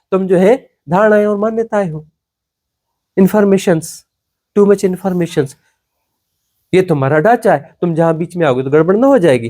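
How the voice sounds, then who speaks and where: A man giving a satsang discourse as a spiritual teacher, emphatic and repetitive, drawing phrases out and letting them sink to a hush. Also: sits high.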